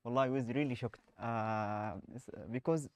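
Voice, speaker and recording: A young man, a university student, telling stories softly and hesitantly as a talk show guest. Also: mid-range voice, normal speed, smooth, dry recording. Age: young adult. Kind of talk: casual interview storytelling.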